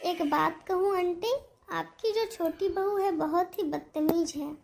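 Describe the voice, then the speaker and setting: A woman's voice: very high voice, a little slow, vocal fry, noisy background, full character voice. A woman voicing a gossiping, nosy female neighbour in a cartoon story, speaking in a confiding tone. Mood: gossipy.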